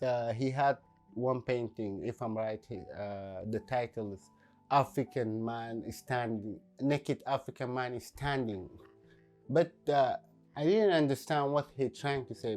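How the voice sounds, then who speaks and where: A man from Sudan, a painter talking in a documentary interview, reflective and halting, with many fillers. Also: medium pitch, darkish tone.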